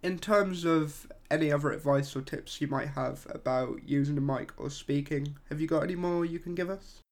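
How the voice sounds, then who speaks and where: A man's voice: a little high, steady tone, normal speed. A man hosting a podcast, putting conversational questions to his guest. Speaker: podcast host. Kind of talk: interview questions.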